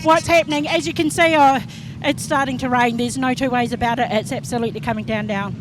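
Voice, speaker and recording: A woman's voice: a little high, steady tone, fast. A woman with a New Zealand accent, chatty and encouraging as she interviews drivers live as a trackside reporter. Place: outdoors in rain at a speedway. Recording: noisy outdoor speedway with vehicles.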